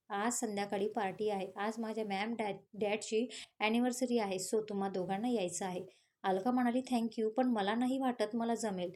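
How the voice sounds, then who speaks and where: A woman's voice: fairly high pitch, a little mellow. A woman reading a romance story aloud as storyteller, voicing all the parts herself, with small slips and restarts.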